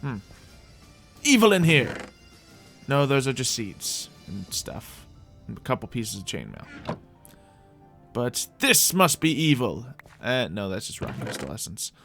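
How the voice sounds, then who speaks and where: An unhurried man with a mid-range, slightly bright voice lets his pitch swoop wildly while hosting a gaming roleplay video. Backed by music, he talks to viewers and himself in playful, theatrical in-character commentary.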